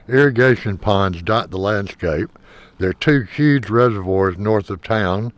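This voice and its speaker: A man with a fairly low voice narrates as a vlog host. He explains things plainly, now and then pausing or repeating a word as he searches for the next. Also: dry recording.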